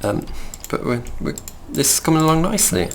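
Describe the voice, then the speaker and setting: A man's voice: fairly high pitch, very animated, fairly quick, gravelly, slight background noise. A young man from the middle of England with a Midlands accent, chatting casually and rambling as he plays and hosts a game video. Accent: Midlands English. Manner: chatty, rambling, easily distracted. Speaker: gaming channel host.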